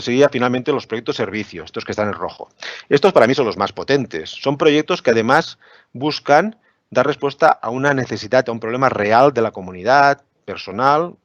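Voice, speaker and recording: A man with a lowish voice gives an academic lecture on education with slides, explaining patiently and frequently adding "¿no?" to make sure listeners follow. The webinar audio is dry, dull and lo-fi, with no echo.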